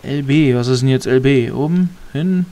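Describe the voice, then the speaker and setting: Male let's-play commentator, mid pitch, mutters and rambles over gameplay, faint hiss behind. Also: moderate pace, dark tone. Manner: rambling, muttering to himself, mildly grumbling. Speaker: let's player.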